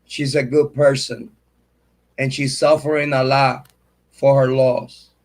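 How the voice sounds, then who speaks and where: With a flat delivery and slow pace, a man with a mid-range voice runs a true crime livestream. His commentary becomes a repetitive, angry, profanity-laced rant, interrupted by thanks to viewers he names.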